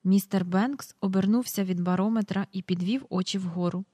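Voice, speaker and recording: A woman reads a children's storybook aloud in an even storytelling manner. Her voice sits at a medium pitch. The recording is close and dry, with no room echo. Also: moderate pace, slightly rough. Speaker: audiobook narrator. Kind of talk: scripted narration.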